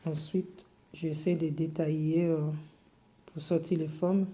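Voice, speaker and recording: A woman with an English accent teaching a step-by-step cake decorating tutorial, explaining patiently in detail and often pausing on filler sounds. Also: low-pitched, little pitch movement, dark tone. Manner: hesitant, full of filler sounds.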